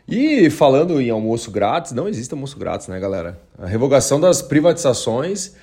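A man's voice: mid-range voice, sing-song, brisk, dark tone, slightly rough. A man from Brazil hosting a daily market analysis show, talking in a conversational way with frequent tag questions and colloquial sayings. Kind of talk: casual market news commentary.

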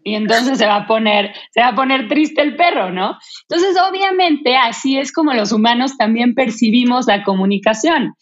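A woman's voice: fairly high pitch, normal speed. Explaining woman, dull lo-fi sound. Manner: explanatory, acts out quoted phrases. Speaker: communication coach guest. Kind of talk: casual podcast conversation.

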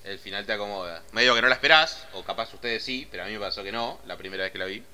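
A man's voice: lowish voice, rapid-fire, bright, forceful tone, smooth. An Argentine man hosting a casual podcast chat. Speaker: podcast host. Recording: faint background noise.

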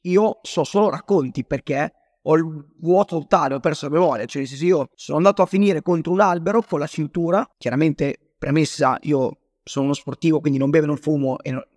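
A young man from Naples, an interview guest, telling a personal story in a rapid, animated way, often correcting himself. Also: on the high side, no echo, studio quality. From Naples, Italy.

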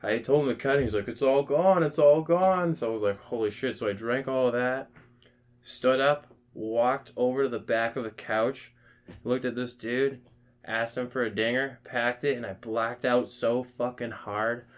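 A man's voice: medium pitch, steady tone, moderate pace. A young man telling a rowdy party story on a podcast, profane and rambling, with lots of "like" and "man.". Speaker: podcast co-host. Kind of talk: casual storytelling chat.

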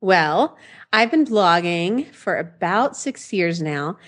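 A woman's voice: lowish voice, animated, slow. A woman interview guest talking casually and informally, in a self-mocking storytelling style. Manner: informal, self-mocking, acts out remembered dialogue. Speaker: interview guest, blogger and author.

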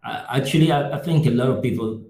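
A man from Cameroon, a podcast guest, speaking casually and hesitantly with many pauses and fillers. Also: mid-range voice, gravelly, mellow, echoey room. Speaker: podcast guest, group founder. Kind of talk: casual discussion.

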